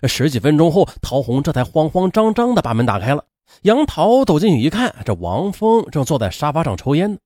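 Animated male true-crime storyteller. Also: no echo, studio quality. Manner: animated, acts out women's lines in a high strained voice; colloquial with drawn-out particles. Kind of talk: dramatic true-crime narration.

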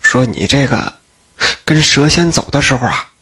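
A man's voice: medium pitch, sing-song, normal speed, sharp tone, slightly rough, heavily acted. A man voicing an old landlord father who coaxes and hesitates as he speaks. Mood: secretive. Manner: coaxing, hesitant.

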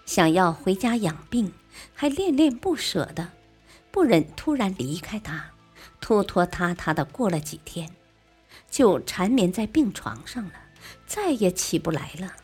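Husky woman telling a classic tale. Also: medium pitch, measured pace. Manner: expressive, lively narration. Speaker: storyteller. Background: faint music.

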